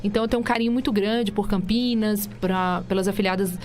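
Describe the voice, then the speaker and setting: A woman in her thirties from Minas Gerais, Brazil, who works as a TV journalist and presenter, is a guest in a radio studio interview. She tells her story conversationally in a light mineiro accent, restarting often. Her medium-pitched voice is steady, quick, and a little mellow.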